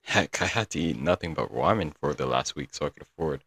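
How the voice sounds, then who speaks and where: A man performs an exaggerated voice for a comedic roleplay audio drama, playing a doting, apologetic young yandere kidnapper who coaxes and rambles intimately to the listener. His pitch is extremely low yet lively, his pace brisk, and his tone fairly bright with a breathy edge on a dry recording. He sounds sheepish and affectionate, tossing out pet names and nervous chuckles.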